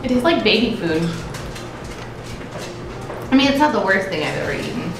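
A woman's voice: medium pitch, normal speed. Woman talking while chewing, echoey. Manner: expressive, giggly, reacts with disgust and delight. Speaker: vlogger tasting food. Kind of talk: casual taste-test chat. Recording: echoey room, far from mic, noisy.

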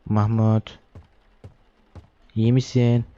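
A man's voice: fairly low pitch, little pitch movement, takes it slowly, mellow, highs cut off. A young man giving joking horror game commentary, talking to the baby character and reading game text aloud. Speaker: gaming YouTuber.

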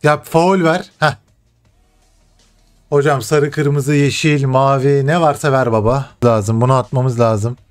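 A young man playing a football video game, commenting live, often cursing and yelling at the game. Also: medium pitch, fairly even intonation, unhurried, clean tone, soft background music. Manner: frustrated swearing, shouts at the game. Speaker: gaming streamer.

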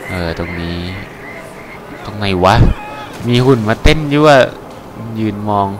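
A man's voice: fairly low pitch, expressive, slow, background noise. A man giving casual, crude, joking commentary while playing a game and translating its lines. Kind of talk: casual let's-play commentary. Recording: game music playing underneath. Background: game music.

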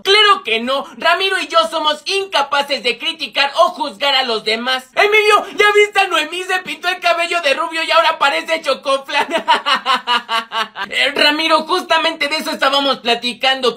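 A man with a Mexican accent acting out school comedy skits, playing many characters with lively, slangy banter. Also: extremely high pitch. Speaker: comedy skit creator.

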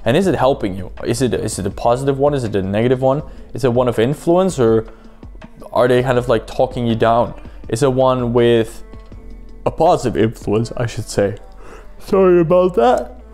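A man talks through a casual solo podcast in an ordinary mid-range voice, drifting and rambling with plenty of fillers. He keeps turning to the listener with rhetorical questions and sounds a touch sleepy. Soft music plays faintly beneath him. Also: mid-range voice, brisk. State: sleepy, yawning at times. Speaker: podcast host.

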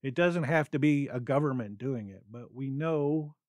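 A man's voice: mid-range voice, moderate pace, darkish tone, no room sound, clean studio sound. A man hosting his own solo podcast, talking without a script, rambling with many ums and stammers. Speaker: podcast host. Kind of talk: unscripted solo podcast talk.

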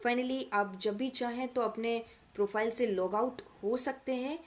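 Woman, online course mentor, slightly high-pitched, patient step-by-step tutorial explaining. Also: fairly even intonation, a little slow. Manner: patient step-by-step explaining, addresses students directly. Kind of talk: screen-recorded tutorial walkthrough.

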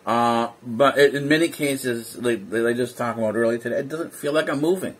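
A man's voice: medium pitch, a little fast, husky. A man talking casually in a vlog while sitting indoors, rambling and hesitant with many fillers and restarts, a little sleepy. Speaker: vlogger. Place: indoors, seated.

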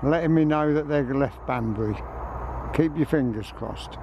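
A man's voice: on the high side, moderate pace, lo-fi sound. A man giving a chatty, playful, casual running commentary as a vlogger outdoors. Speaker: trainspotting vlogger. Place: open railway platform. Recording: handheld camera outdoors, clear background noise.

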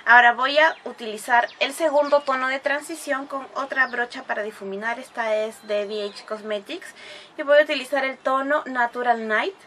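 Here a beauty vlogger talks through her makeup routine, chatty and explaining as she goes, with gushing exclamations about the products. Her voice sits high and sounds pushed and bright. Slight background noise is present.

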